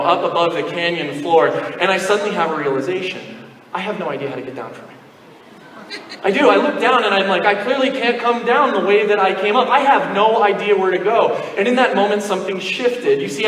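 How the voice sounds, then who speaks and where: A male pastor telling a long personal story in a sermon, animated and self-mocking. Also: on the high side, slight background noise. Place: church sanctuary. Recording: echoey hall, mic from far off.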